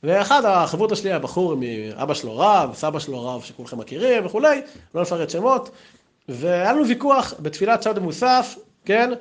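A man giving a storytelling memorial talk, lively and full of acted-out quotes. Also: sits high.

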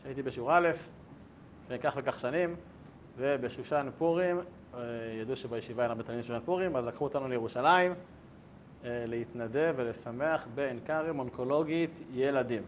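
A man who is a rabbi, giving a Torah lesson in a yeshiva in a lively, conversational way with humorous asides and questions to his students. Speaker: yeshiva rabbi teaching a class. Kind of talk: Torah lesson with a told anecdote. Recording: dull lo-fi recording with faint rumble.

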